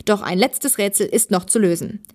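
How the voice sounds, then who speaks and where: Woman reading a calm spirit from the lake. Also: mid-range voice, moderate pace, lightly acted.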